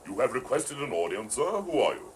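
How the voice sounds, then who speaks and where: An actor playing a regal, faintly amused king with measured, formal speech in an audio storybook. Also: medium pitch, big pitch swings, slight background noise, natural voice. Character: courteous, amused, regal king and father of a princess.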